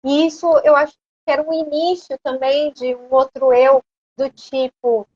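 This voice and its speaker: A Brazilian woman with a Brazilian Portuguese accent, chatting as an interview guest, animated and rambling with many hesitant fillers. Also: high-pitched, unhurried, no echo, highs cut off. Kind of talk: casual conversation.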